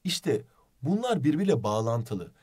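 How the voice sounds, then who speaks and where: A man teaching a video lesson, playful and animated, asking questions as he explains. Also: medium pitch, moderate pace, slightly rough.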